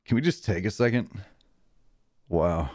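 A young man hosts a laid-back chat with friends, reading silly dating profiles out loud and breaking into laughter. His pitch moves a lot as he goes. The sound is dry and close to the mic. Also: animated, a little slow, dry recording. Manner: reads fake dating profiles aloud, laughing often. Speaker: group video host. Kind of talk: casual chat among friends.

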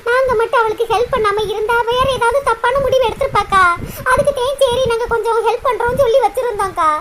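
Cartoon village woman, voiced by a woman, squeaky and very high, earnest pleading friend. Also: fast, a bit bright, slight background noise. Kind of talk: cartoon comedy dialogue.

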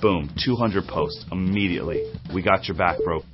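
A very deep-voiced man in his forties speaks as a drum teacher in a documentary interview. He tells his story in a candid, reflective way. The sound is a little dull and muffled, with soft music under it. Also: moderate pace. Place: indoor drum studio. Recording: slightly dull, muffled audio.

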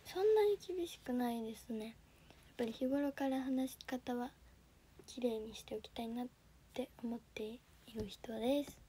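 Reading viewer comments on a casual phone-camera livestream, a teenage audition livestreamer speaks politely with a Kansai Japanese accent at a moderate pace. Her voice is fairly high but mellow and dark, soft, and frequently drops to a half-whisper. Faint hiss runs under the audio.

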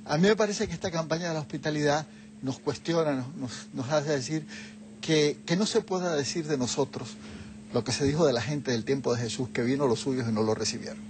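A man's voice: a little high, fairly quick, noisy background. An older man, a guest in a TV studio interview, explaining things reflectively into a lapel mic. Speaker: guest, Jesuit leader. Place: TV studio set, seated on a sofa.

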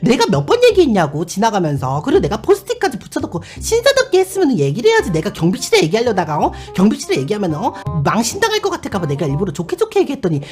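A woman's voice: mid-range voice, wildly swooping pitch, rapid-fire, few pauses, faint music behind. A woman doing an indignant scolding mother. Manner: sharp, scolding, rising outrage. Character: indignant middle-aged mother scolding a neighbor.

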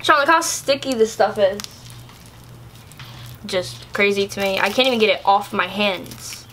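A woman's voice: mid-range voice, a little slow, a bit bright, a little hiss or hum. A young woman casually reviewing products in a vlog, chatty and exasperated, with lots of filler words. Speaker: YouTuber.

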